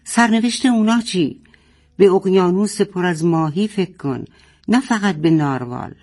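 A man doing a gruff shouting storybook father. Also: high-pitched, voice pushed up. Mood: urgent shouting. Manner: shouting, urgent. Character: stern gruff father in a crisis.

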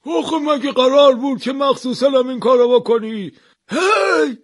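A man doing a shrill, frantic old-school repairman. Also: darkish tone, natural voice. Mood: furious. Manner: pleading, shrill cries. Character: frantic middle-aged male repairman, nervous and pleading.

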